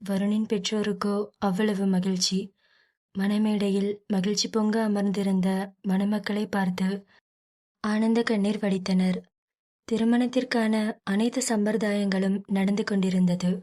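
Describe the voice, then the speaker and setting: A woman narrating an audio novel in a steady storytelling manner. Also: medium pitch, a little slow. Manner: steady, plainly paced storytelling.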